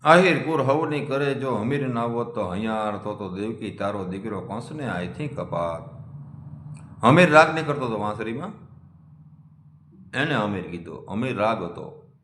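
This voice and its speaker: In an echoey room, a man who runs a community vlog challenges his critics in a defiant, scolding monologue. He speaks at a moderate pace in a fairly low, fairly bright voice, sounding animated.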